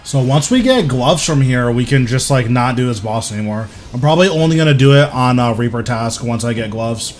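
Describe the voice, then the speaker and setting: A man's voice: mid-range voice, lively intonation, fairly quick, few pauses. Young man streaming over music. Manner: rambling, thinking aloud, informal. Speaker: game streamer. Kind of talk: casual live game commentary.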